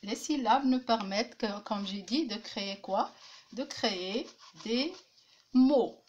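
A woman teaching a French lesson, slowly repeating words and pausing with hesitations. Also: fairly high pitch, a little mellow, lo-fi sound. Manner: repeats each word slowly, clapping out syllables; frequent hesitations and restarts. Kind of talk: slow classroom lesson.

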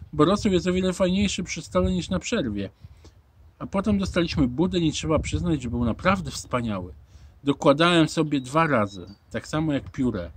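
A man's voice: on the high side, slight background noise. A man reading a children's storybook aloud, narrating expressively as a small boy. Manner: expressive, animated. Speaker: audiobook reader.

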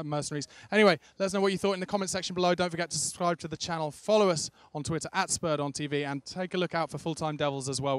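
A young man interviewing a fellow fan outdoors in a car park by a stadium, holding a handheld mic and talking in a quick, chatty, enthusiastic way. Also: fairly high pitch, clean tone, dry recording. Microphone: handheld microphone.

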